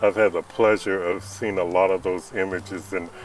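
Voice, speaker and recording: A man's voice: low-pitched, fairly even intonation, moderate pace, far from the mic, low-quality recording. A man hosting an interview, encouraging his guest with short affirmations and laughs. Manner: warm, encouraging, many "mm-hmm" and laughs. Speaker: interview host. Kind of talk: casual interview chat.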